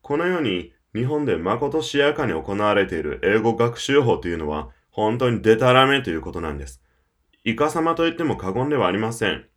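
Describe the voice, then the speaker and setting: A man's voice: fairly low pitch, very animated, a little fast. A man presenting a scripted audio lecture for English learners, persuasive and emphatic, speaking straight to the listener.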